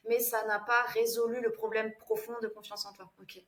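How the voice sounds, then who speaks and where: Brief: woman podcast host, fairly high voice, calm and affirming, roomy-sounding recording. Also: fairly quick. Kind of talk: conversational interview.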